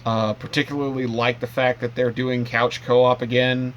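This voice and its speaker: A man talks through his thoughts in a relaxed vlog. He rambles, often restarting sentences and filling gaps with "um." His pitch sits mid-range, and a faint hum runs under the recording. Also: moderate pace, lo-fi sound. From Canada. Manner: rambling, with many ums and restarts. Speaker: vlogger. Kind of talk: casual monologue.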